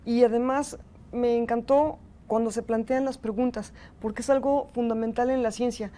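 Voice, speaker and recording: A woman's voice: a little high, fairly even intonation, moderate pace, mellow. A woman with a Mexican accent giving a university lecture and thanking participants earnestly. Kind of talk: university lecture with audience feedback.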